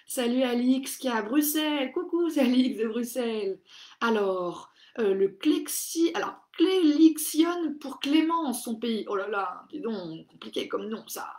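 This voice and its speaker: Woman hosting a kids craft live stream, bit high voice, shouting out viewers by name, echoey room. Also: expressive, a little slow. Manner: cheerful, greets viewers by name, reads comments aloud. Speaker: craft workshop host.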